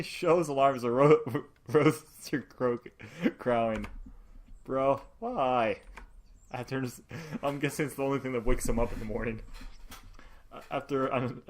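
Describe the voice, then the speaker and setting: A man's voice: medium pitch, a little hiss or hum. A man playing through a visual novel, reading narration aloud and adding joking commentary, often laughing and tripping over words. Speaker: let's play host.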